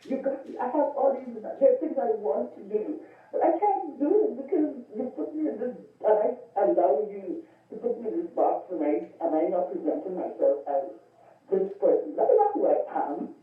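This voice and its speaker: An animated woman caller with a lively voice that leaps up and down, pressing her points with emphatic repetition. She comes through a narrow, phone-like line that sounds distant and echoey. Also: mid-range voice, normal speed. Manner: emphatic, animated, repeats herself. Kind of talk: casual call-in talk.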